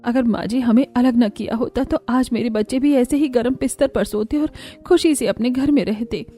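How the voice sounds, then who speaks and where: Woman playing a caring cartoon mother, pleading, fairly high voice, faint music. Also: normal speed, warm tone, natural voice. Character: poor caring young mother, anxious wife. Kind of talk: cartoon voice acting.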